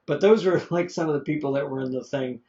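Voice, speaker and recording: A man co-hosting a podcast chats casually about an old movie in a rather high, dark-toned voice at a quick pace. He rambles, chuckles, and trips over names, and the podcast audio sounds dull and lo-fi.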